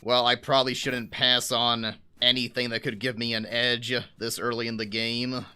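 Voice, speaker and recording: A man's voice: mid-range voice, little pitch movement, normal speed, sharp tone, smooth. A man doing casual, chatty live commentary as he streams a video game.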